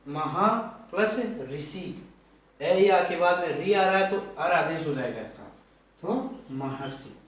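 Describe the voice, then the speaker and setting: A man's voice: high-pitched, a little slow, fairly bright tone. A male teacher giving a grammar lesson, repeating points and quizzing the class with questions. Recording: echoey room, mic far off.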